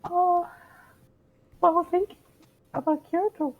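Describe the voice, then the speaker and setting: A woman voicing a flustered young woman in a squeaky, cartoonish mouse-like voice, breathless and stammering, in an amateur comedic reading on a muffled, lo-fi recording. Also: steady tone, slow, heavily acted.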